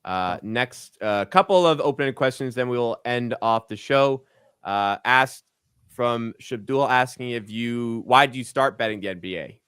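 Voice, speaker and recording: Smooth-voiced young betting podcast host. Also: male voice, mid-range voice, moderate pace, a bit bright, no room sound, studio quality. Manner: easygoing, filler-heavy, reads chat questions. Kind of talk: casual podcast chat.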